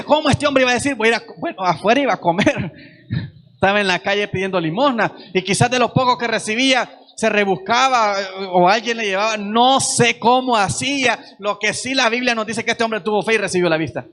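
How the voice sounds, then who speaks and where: A man's voice: high-pitched, fairly quick, a bit bright. A man preaching a sermon at a church service, earnest and repeating phrases for emphasis.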